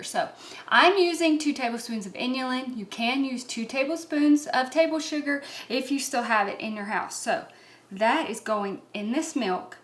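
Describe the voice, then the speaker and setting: A woman's voice: a little high, fairly bright tone. A woman hosting a home cooking demonstration in her kitchen, chatty, upbeat and reassuring, a little out of breath. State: slightly out of breath. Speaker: cooking channel host.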